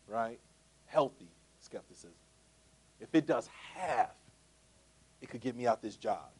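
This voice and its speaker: A man in his forties pitches a business opportunity in a motivational sales talk before a live audience. Using a mid-range voice, he jokes, throws rhetorical questions at the crowd, and swings between loud, punchy lines and quiet asides.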